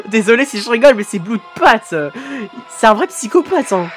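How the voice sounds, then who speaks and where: Excitable woman cheering a reaction video. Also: on the high side, a little slow, soft background music. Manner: excitable, cheering and swearing at the screen; turns hushed and emotional at sad moments. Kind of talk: live reaction commentary.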